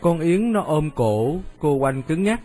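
A man narrates a radio story at a steady pace. His voice sits a little higher than most men's, and faint music plays beneath it. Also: measured pace.

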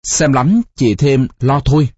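Casting: narrator doing a stern old village teacher, gruff and scolding, dry husky sound. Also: mid-range voice, measured pace, darkish tone, dry recording, dull audio. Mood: weary. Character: stern older village scholar father.

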